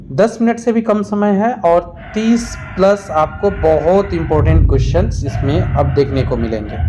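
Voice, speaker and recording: With a high, dark voice, an Indian-accented man teaches history revision for exams, asking questions and then answering them in an instructional way. The recording is rough with slight background noise.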